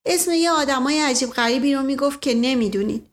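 A woman's voice: high voice, close to an everyday voice. A woman voicing a naive, hesitant young housemaid who chatters in a gossipy way. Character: young simple-minded housemaid girl, hesitant.

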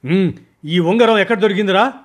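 A man voicing a short-tempered male boss who barks loud, demanding questions and orders. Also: high-pitched, brisk, pitched above the performer's own voice. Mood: impatient, demanding.

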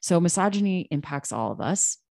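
A woman's voice: lowish voice, animated, brisk, vocal fry, darkish tone, no room sound, studio quality. A woman co-hosting a podcast, talking casually and emphatically, with frequent restarts and asides. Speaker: podcast co-host.

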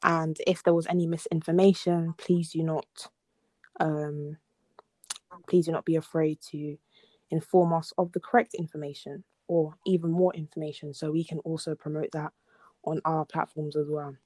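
A young woman with a low voice co-hosts a casual podcast. She rambles in a relaxed way, full of "like" and "you know." The sound is close and dry. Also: moderate pace, dry recording. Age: young adult. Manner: rambling, laid-back, with many fillers. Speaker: podcast co-host.

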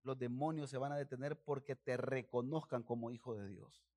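A man's voice: medium pitch, steady tone, normal speed, darkish tone. A male pastor preaching a sermon, emphatic, often calling the congregation to repeat phrases after him.

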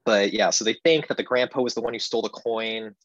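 A man's voice: on the low side, quick pace, a bit bright, no echo, highs cut off. A man chatting casually as a podcast co-host, recapping a movie in a rambling, amused way with many fillers.

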